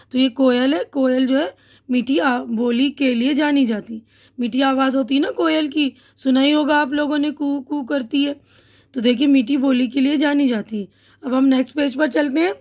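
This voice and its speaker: Patiently teaching children a school lesson, this woman speaks with an Indian Urdu accent in a high-pitched, darkish voice. Her intonation stays fairly even as she repeats points and fixes her mistakes.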